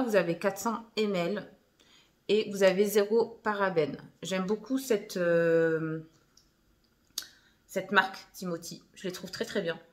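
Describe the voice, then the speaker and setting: A young woman chatting casually through a shopping haul video at home, full of fillers and little laughs. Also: medium pitch. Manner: chatty, filler-heavy, giggly asides. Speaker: vlogger.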